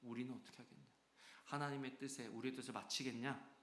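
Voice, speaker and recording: Korean pastor preaching in an echoey church. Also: male voice, mid-range voice, fast. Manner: animated, acts out quoted voices with sudden loud and soft swings. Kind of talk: sermon. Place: church sanctuary.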